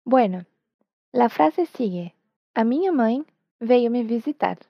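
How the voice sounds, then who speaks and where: Slow, patient woman teacher. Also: fairly high pitch, expressive, vocal fry, no echo. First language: Portuguese. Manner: patient, models words slowly for the learner to repeat. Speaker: Portuguese teacher. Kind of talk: language lesson. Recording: dull, dry, lo-fi sound.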